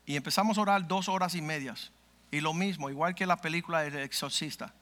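High, bright-voiced male pastor preaching. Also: a little fast. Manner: vivid storyteller acting out dialogue. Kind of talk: sermon testimony storytelling.

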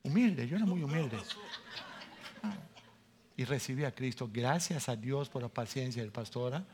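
A man giving his testimony in a sermon, telling it with animated storytelling, self-mocking jokes and questions to the congregation. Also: medium pitch, moderate pace, a little hiss or hum. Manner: jokes and laughs at himself.

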